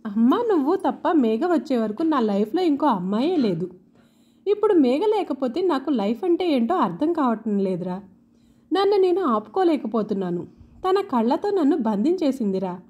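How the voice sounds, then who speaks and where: A remorseful young man pours out his guilt and pleads with a childhood friend, read aloud by a woman narrator. The voice stays high and swings freely, with a husky, mellow tone. It carries the tender, emotional feel of a storybook audiobook. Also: sing-song, moderate pace, highs cut off, heavily acted. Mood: confiding. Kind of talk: audiobook dialogue reading.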